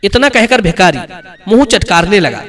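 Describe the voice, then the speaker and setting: Lively high-voiced male storyteller. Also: normal speed. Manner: addresses listeners as friends. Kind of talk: moral story narration.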